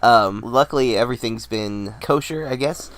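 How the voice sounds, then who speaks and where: This American co-host, a man of about thirty, talks loosely and ramblingly on a casual movie podcast, full of fillers and restarts yet relaxed. His mid-range voice runs at normal speed, sounds slightly nasal from a head cold, and the recording is dry.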